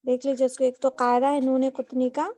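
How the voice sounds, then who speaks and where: A woman's voice: sits high, level tone, a little fast, dark tone, no room sound. A woman teaching a Quran recitation class over a video call, explaining step by step and often asking the class questions. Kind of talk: online class lesson. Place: online class.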